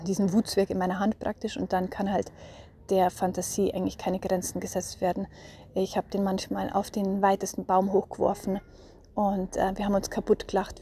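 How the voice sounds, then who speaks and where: A mother in her thirties talking through her parenting experience in a thoughtful way, often pausing to find her words. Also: mid-range voice, warm tone, a little hiss or hum. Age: 30s. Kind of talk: casual spoken monologue.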